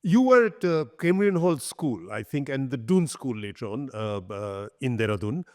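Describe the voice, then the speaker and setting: An older man hosting a conversational interview in a halting, deliberate way. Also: medium pitch, big pitch swings, darkish tone. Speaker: podcast host, interviewer.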